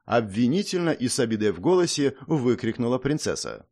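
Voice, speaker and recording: A man narrating a fantasy audiobook in an expressive, storytelling manner. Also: mid-range voice, a little fast. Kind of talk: scripted narration.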